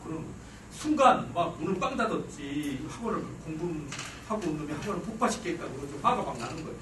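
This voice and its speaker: A man in his forties giving a lively parenting lecture to an audience, acting out family dialogue and joking with the room. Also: on the high side, fast talker. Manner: animated, acts out family dialogue, jokes with the audience. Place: lecture hall. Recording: echoey hall, distant mic, noisy.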